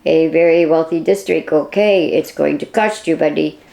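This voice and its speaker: A woman's voice: low voice, moderate pace, vocal fry, mellow, roomy sound, low-quality recording. A woman doing a nosy cabbie with a thick Indian accent. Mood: teasing. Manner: nosy, teasing chatter. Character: chatty male cab driver with a thick accent.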